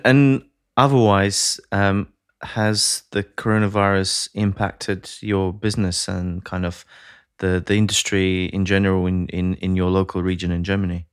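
Casting: male podcast host, low voice, dry close mic. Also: little pitch movement, measured pace, clean tone, no room sound. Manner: polite, asks short questions with ums. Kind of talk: interview hosting.

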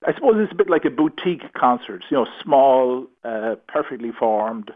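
A man's voice: mid-range voice, lively intonation, normal speed. Older west of Ireland man on phone. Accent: west of Ireland, Galway. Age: 60s. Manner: hesitant, repeats words as talk unfolds. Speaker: concert promoter being interviewed. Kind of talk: casual radio phone interview. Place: on a phone call to a radio show. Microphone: telephone. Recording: thin, narrow-band phone line.

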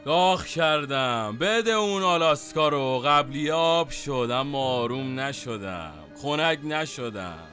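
A man's voice: mid-range voice, expressive, hardly any pauses, pushed and bright, faint music behind. A man playing a brooding, feverish taxi driver who muses in cryptic, repetitive fragments in a surreal audio drama. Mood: feverish craving. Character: brooding, feverish male taxi driver craving ice lollies.

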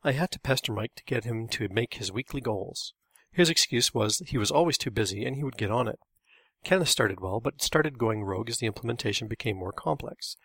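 A man's voice: mid-range voice, animated, a little fast, fairly bright tone, husky, no echo. A man reading a memoir in a dry, matter-of-fact scripted narration.

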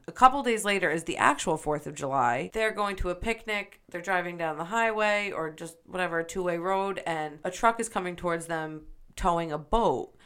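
Woman from upstate New York, lowish voice, profane and animated podcast storyteller. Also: clean tone. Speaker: podcast co-host. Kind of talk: casual storytelling.

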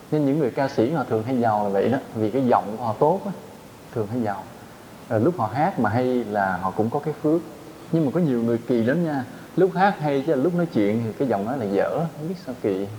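A monk speaks to his community in an easy, conversational teaching voice, tossing in questions to his listeners. His pitch sits in an ordinary middle range for a man. A faint low rumble hums under the recording. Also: darkish tone, low-quality recording. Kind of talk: dharma talk to monks.

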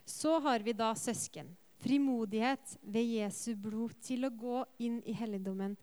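Woman preacher, smooth clear voice a touch high, earnest sermon with lively anecdotes. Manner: rhetorical questions to the congregation. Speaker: preacher and worship leader.

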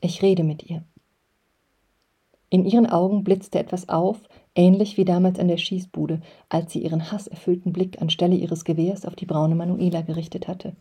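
A woman reading an audiobook aloud in calm, measured first-person narration. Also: lowish voice, husky. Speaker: reader.

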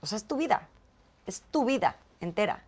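A woman with a Mexican accent, a guest in an interview, telling a story with lively acted-out dialogue. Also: mid-range voice, moderate pace. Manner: animated, acts out quoted dialogue.

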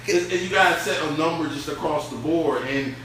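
A laid-back man chats on a podcast in easy street slang, his voice a little high. He sounds distant from the mic, the room is very echoey, and faint background noise hangs underneath. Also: brisk, a bit bright. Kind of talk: casual podcast chat.

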